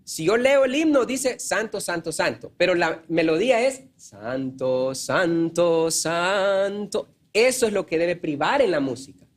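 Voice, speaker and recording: A man preaching from the pulpit in an earnest, teaching way. His voice sits a little on the high side, and he repeats key phrases for emphasis. He stops now and then to clear his throat. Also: animated, moderate pace. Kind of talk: sermon.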